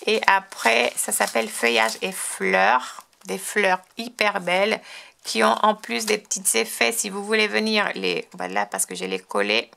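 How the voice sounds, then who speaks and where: French woman, crafting host, very gravelly and bright-toned, chatty and enthusiastic. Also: mid-range voice. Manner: chatty, enthusiastic, frequent restarts and fillers. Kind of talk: casual show-and-tell tutorial.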